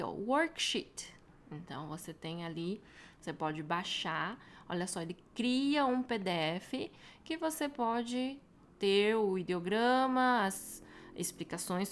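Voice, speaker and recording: A woman with a Brazilian Portuguese accent, a Mandarin teacher walking viewers through a website in a chatty tutorial, tagging her sentences with quick questions. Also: mid-range voice, a bit bright. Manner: chatty, frequent tag questions. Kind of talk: casual screen-share tutorial.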